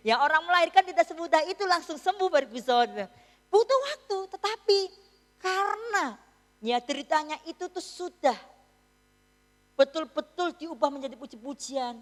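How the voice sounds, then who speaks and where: A woman's voice: sits high, in a large hall. A woman preaching a sermon in a church, telling a story in a chatty, teasing way with frequent tag questions.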